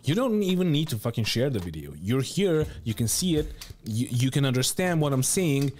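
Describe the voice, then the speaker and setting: Recording in a home studio room on a close boom mic with headphones on, a thirties-aged video commentator offers blunt, emphatic opinions in a casual style. His medium-pitched voice is sing-song with a darkish tone, and he speaks at a normal speed near the microphone.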